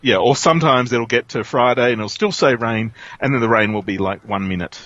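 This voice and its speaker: A man's voice: medium pitch, fairly quick, fairly bright tone, no room sound. Dry, slightly muffled Australian man in a rainy car. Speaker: podcast co-host. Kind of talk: casual chat. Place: sitting in a parked car in rain. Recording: slightly dull, close car-interior sound. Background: rain falling on the car.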